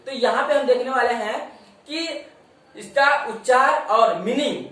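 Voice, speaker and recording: Teacher from india spelling english words out real slow, mic kinda far, lots of room echo. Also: medium pitch, fairly bright tone. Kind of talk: spoken English pronunciation lesson.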